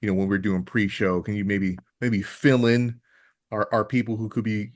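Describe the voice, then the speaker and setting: A man's voice: on the low side, flat delivery, moderate pace. A man hosting a podcast in casual chat, hesitant and often repeating words. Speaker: podcast host.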